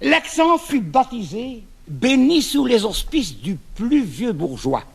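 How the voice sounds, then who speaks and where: A man's voice: very high-pitched, very animated, slow pace, creaky, slightly rough. A man with a Brussels accent in a comic sketch, emphatically reciting verse in praise of his accent. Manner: emphatic, proud. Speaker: comic performer.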